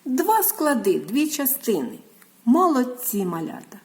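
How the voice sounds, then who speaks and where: Slow sing-song woman teaching small children. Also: high-pitched, big pitch swings, a little mellow. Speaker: preschool teacher. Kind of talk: lesson for young children.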